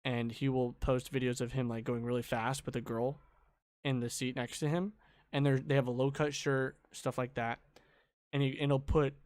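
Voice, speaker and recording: A man's voice: medium pitch, level tone, normal speed, darkish tone, dry recording. A young man co-hosting a podcast in casual chat, rambling and slangy with lots of fillers, at a home mic in his room. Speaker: podcast co-host.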